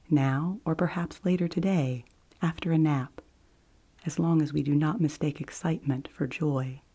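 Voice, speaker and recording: A woman giving a whispered ASMR book review and reading in a soft library whisper, gentle and deliberate, with long pauses. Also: sits low, husky. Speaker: ASMR host.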